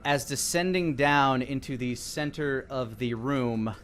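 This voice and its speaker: Bright-voiced man running a tabletop game. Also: medium pitch, unhurried. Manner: descriptive narration with frequent fillers and restarts. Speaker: dungeon master. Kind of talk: narrating a live-streamed tabletop game.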